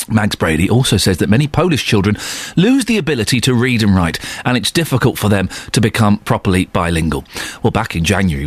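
A man's voice: mid-range voice, breathy edge, dry recording. A man presenting breakfast radio, reading headlines and chatting with a joking manner. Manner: lively, joking between headlines. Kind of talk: breakfast radio news and chat.

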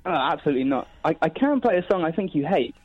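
A man's voice: a little high, very animated, fast talker, husky, dry recording. A man calling in to a radio show over a phone line, talking hesitantly with a self-deprecating laugh. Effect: heard over a phone line. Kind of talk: casual chat.

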